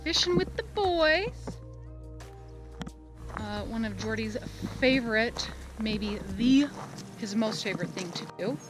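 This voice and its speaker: Upbeat woman in her 30s vlogging on a handheld cam, kinda high voice, loud music behind. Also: animated, slow pace, pauses often. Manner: chatty and upbeat, asks playful questions. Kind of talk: casual vlog chat. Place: restaurant indoors, then lakeshore outdoors.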